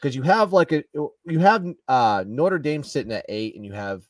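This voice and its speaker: A man's voice: medium pitch, sing-song, moderate pace, dry recording, distant mic. Man, podcast co-host, casual sports chat, rambling, opinionated, dry close room.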